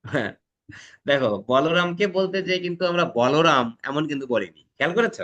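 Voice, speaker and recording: A man lecturing a class, pausing often to ask whether the students have caught his point. He hammers on sounds to show how stress changes a word, his voice sitting a little higher than most men's. The talk is unscripted and conversational, as in a classroom. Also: animated, highs cut off. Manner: demonstrates pronunciation with loud emphatic stresses. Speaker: teacher.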